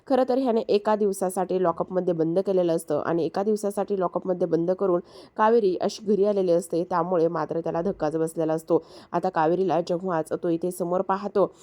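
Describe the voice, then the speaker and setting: Lady narrating a serial recap, soft mellow tone, lots of umms and repeats. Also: lowish voice, fairly even intonation, brisk. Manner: repetitive storytelling with frequent hesitation fillers. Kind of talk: casual retelling of a TV serial episode.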